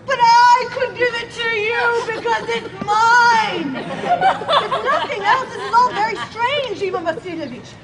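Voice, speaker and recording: A woman's voice: extremely high pitch, sing-song, over a noisy crowd, very noisy. A young woman reading the part of a stubborn, quarrelsome landowner's daughter in a live outdoor play reading. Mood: indignant. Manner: stubborn, quick to shout. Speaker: student actor. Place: outdoor courtyard.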